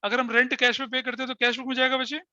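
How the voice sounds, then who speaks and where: A male teacher with a bright, forceful voice runs a class for students in the room and online, firing questions and drilling terms again and again. The sound is dry and a little dull, close and without room echo. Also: very high voice, flat delivery, rapid-fire. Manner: questioning, repeats key terms, checks if students follow. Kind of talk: classroom accounting lesson, mixing in English.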